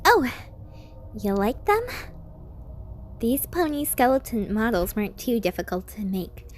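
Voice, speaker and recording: A woman's voice: on the high side, sing-song, measured pace, a little hiss or hum. A woman voicing a cheerful, eerily friendly young female unicorn scientist in a story, chirpy and proud. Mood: breezy.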